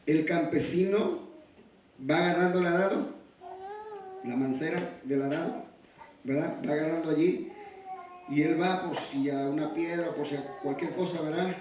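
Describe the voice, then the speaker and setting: A male pastor preaching a sermon, moving from quiet storytelling to shouted exhortations and rhetorical questions. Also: on the high side, normal speed, pauses often, slight background noise. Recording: very echoey church hall, preacher far from the mic.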